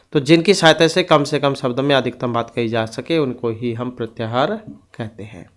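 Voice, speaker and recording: A man teaching an exam-prep grammar lesson who reads out rules and goes through lists one item at a time. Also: mid-range voice.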